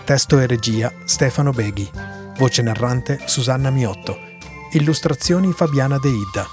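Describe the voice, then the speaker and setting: A man giving a scripted closing announcement and reading the credits in a plain, even manner. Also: medium pitch, moderate pace. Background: music.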